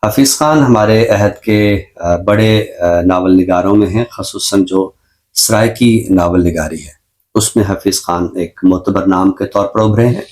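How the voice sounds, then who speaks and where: On his show, a presenter with a Pakistani accent offers an unscripted book review, his explanations measured and scholarly. The voice sits on the low side and sounds a little mellow.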